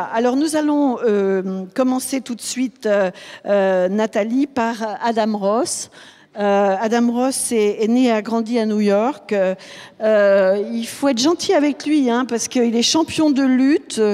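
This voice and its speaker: In a hall with long reverb, a woman hosting a book festival panel introduces the guests, hesitating and using fillers often. Her voice is mellow and fairly high in pitch.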